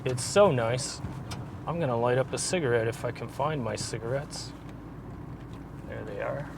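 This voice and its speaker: A man's voice: mid-range voice, moderate pace. A man chats casually to viewers in a laid-back, rambling way as he narrates a drive. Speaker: vlogger filming a drive. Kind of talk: casual driving vlog narration, chatting to viewers. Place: inside a moving car. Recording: clear vehicle noise. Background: car and road noise.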